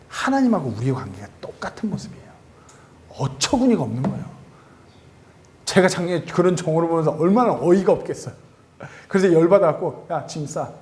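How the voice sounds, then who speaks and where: Male youth pastor, sermon delivery, lively and expressive, pitched high. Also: slight background noise. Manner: animated, acts out quoted dialogue.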